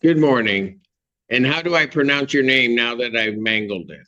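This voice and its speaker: A male judge running a courtroom hearing, brisk and directive as he moves through cases. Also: medium pitch, sharp tone, muffled recording.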